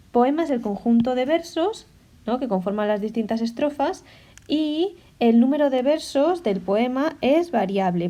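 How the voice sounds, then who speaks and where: Higher-pitched woman teaching a lesson. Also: mellow. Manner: patient, checks understanding with short questions; sounds out rhyme endings slowly. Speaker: language teacher. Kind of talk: classroom explanation.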